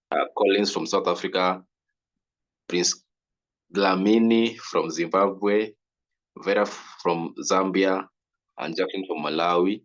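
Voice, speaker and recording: A man hosting an online conference, speaking informally and haltingly with restarts. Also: sits low. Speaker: conference host. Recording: muffled online call audio.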